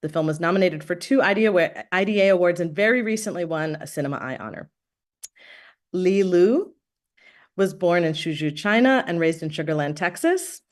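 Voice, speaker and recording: A woman's voice: lowish voice, expressive, fairly quick. A woman moderating a panel discussion, thanking organizers and introducing panelists with frequent fillers.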